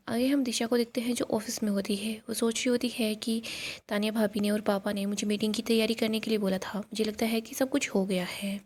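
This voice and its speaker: A woman with a husky, breathy voice tells a serial's episode in brisk storytelling fashion. She reads every character's lines herself at a mid pitch and stays in her own voice throughout. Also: a little mellow. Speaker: serial recap narrator.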